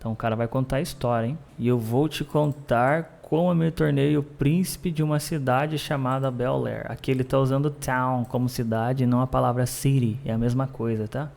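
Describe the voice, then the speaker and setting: A man teaching English pronunciation in a lesson. He explains in short bursts and repeats English phrases slowly, several times over. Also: medium pitch, steady tone, creaky, a little mellow.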